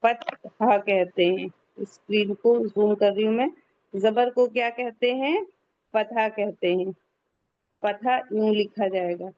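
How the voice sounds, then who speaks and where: Slow, patient woman teaching tajweed. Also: mid-range voice, no echo, muffled recording. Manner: slow, repeats questions and answers them herself. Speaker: Quran recitation teacher. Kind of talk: online tajweed lesson, screen shared.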